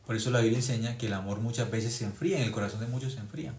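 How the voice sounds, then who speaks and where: A male preacher delivers a sermon at a middle pitch, pressing hard on key phrases and repeating them. He keeps asking the congregation questions and answering them himself. The recording has a roomy echo around his voice. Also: fairly even intonation, racing, darkish tone.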